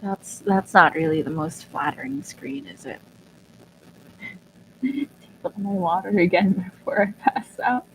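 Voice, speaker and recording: Slow, soft-spoken young woman streamer. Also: medium pitch, expressive, slight background noise, poor audio. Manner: soft, reflective and sentimental, with pauses and small laughs. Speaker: virtual streamer. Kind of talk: casual live-stream chat.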